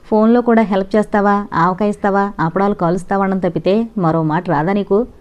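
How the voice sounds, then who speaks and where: A woman's voice: mid-range voice, brisk, darkish tone, lightly acted. Woman reading a teasing young college girl. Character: young female college student, playful and teasing. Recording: dull lo-fi recording.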